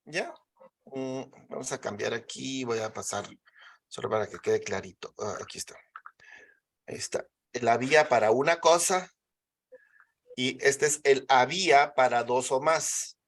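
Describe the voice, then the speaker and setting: A teacher walks students through grammar, speaking with English examples. The voice sits at a medium pitch, and the delivery is patient, repetitive and full of comprehension checks. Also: a little slow. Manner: patient, repeats and checks understanding. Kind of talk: live online English class.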